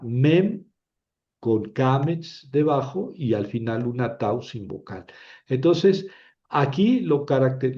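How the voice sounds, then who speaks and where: A man's voice: mid-range voice, dark tone, muffled recording. A man teaching Biblical Hebrew, patiently sounding out syllables and often checking with "¿verdad?". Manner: patient, repeats syllables aloud, asks "¿verdad?". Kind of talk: slow classroom explanation.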